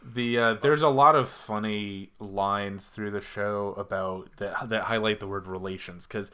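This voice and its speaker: A man co-hosting a podcast, speaking in a somewhat low voice. He recounts scenes in a wry, dry way during a casual review chat. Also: steady tone, measured pace, a bit bright, clear, resonant tone. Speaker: podcast co-host.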